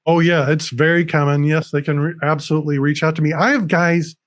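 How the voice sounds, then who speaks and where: A recovery coach guest talks over a video call with dragon decorations visible behind him, explaining things earnestly and step by step while frequently restarting. His voice is a little high and steady, and his pace is brisk.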